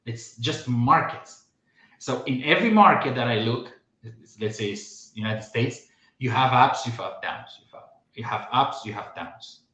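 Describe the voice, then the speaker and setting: A middle-aged man from Romania, not a native English speaker, chatting casually on a podcast about housing, halting often and repeating words as he restarts. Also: mid-range voice, expressive, sharp tone. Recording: roomy echo.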